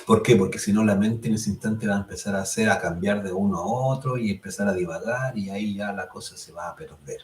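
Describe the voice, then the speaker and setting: A man teaching a lesson on meditation, calm and explanatory, who checks in often with his listeners and draws out chant syllables slowly. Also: on the low side. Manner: calm and explanatory, tags phrases with "¿cierto?". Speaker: spiritual course instructor. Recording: roomy sound, mic at a distance.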